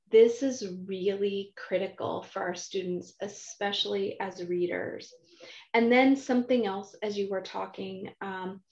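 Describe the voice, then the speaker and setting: A woman's voice: medium pitch, a little mellow, echoey room, dull audio. A woman hosting a conversational podcast interview, chatty and enthusiastic, with frequent fillers and restarts. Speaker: podcast host.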